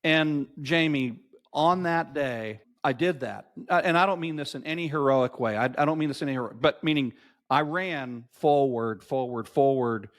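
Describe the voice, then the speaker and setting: Speaking at a normal pace with a medium-pitched voice, this man in his fifties appears as a podcast guest. The marketing agency owner tells stories in an animated, emphatic, motivational way, repeating key phrases for effect.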